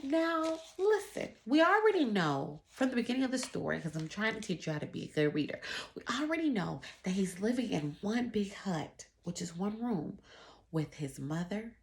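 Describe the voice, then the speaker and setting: Her voice is medium-pitched and very animated, moving at a moderate pace. She's a schoolteacher giving a children's read-aloud lesson, teaching emphatically and speaking to the kids directly.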